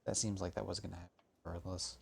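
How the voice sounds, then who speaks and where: A man's voice: deep voice, level tone, fast, creaky, breathy edge. A man streaming a game, thinking aloud and grumbling with frequent swearing. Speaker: gaming streamer. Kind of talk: casual gameplay commentary.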